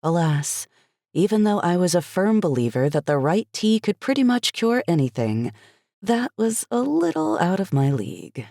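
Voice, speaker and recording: A woman reading a first-person cozy mystery audiobook as an expressive, light storytelling narrator. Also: lowish voice, no echo, studio quality.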